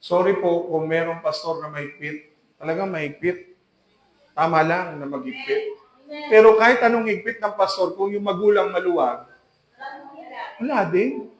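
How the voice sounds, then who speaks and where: High-voiced pastor preaching emphatically. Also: male voice, normal speed, pauses often, reverberant. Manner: emphatic preaching with rhetorical questions. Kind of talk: sermon. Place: church hall.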